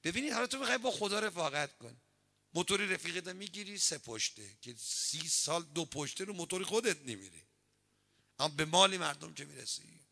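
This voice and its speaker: A man preaching a sermon, telling stories and acting out the quoted dialogue in an animated way. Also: a little high, gravelly. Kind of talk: sermon with storytelling.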